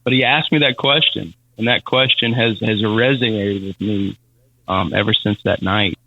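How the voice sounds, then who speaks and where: A man telling a personal faith testimony as a podcast guest, halting and repeating words as he speaks. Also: lowish voice, pushed and bright, highs cut off, slight background noise. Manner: halting, repeats words, Southern-style casual phrasing.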